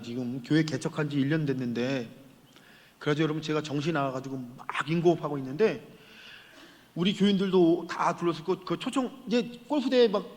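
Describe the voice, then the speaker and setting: A male guest pastor preaching at a revival, telling a story with animated quoted voices. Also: a little high. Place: large church sanctuary. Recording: long church hall reverb.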